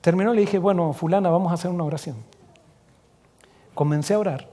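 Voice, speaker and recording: High-voiced Rioplatense pastor preaching softly. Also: male voice, fast, slight background noise. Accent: Rioplatense Spanish. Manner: earnest, drops to soft hushed tones when quoting. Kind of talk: sermon storytelling.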